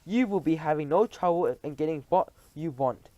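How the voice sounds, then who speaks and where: A man's voice: a little high, normal speed, warm tone, dry recording, dull audio, close to an everyday voice. A man reading aloud and voicing a tiny, tyrannical female witch leader who shrieks orders in stilted, odd grammar. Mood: commanding.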